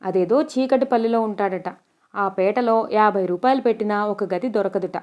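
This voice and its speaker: A woman's voice: medium pitch, moderate pace, darkish tone, natural voice. A woman voicing a nosy, tactless older village woman who pries and scolds in a storybook reading. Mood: prying. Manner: prying, tactless, teasing.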